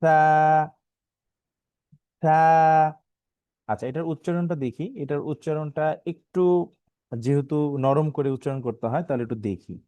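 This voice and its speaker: A man's voice: medium pitch, brisk, warm tone, no echo. A man teaching an online live lesson on Arabic letter sounds, with a Bangladeshi Bengali accent, patiently drilling syllables and having learners repeat them. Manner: stretches out some sounds, half singing.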